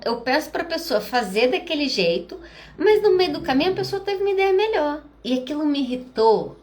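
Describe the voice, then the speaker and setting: A woman psychologist giving relationship advice through personal stories, acting out her own dialogue as she goes. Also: sits high. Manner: expressive storyteller, acting out dialogue.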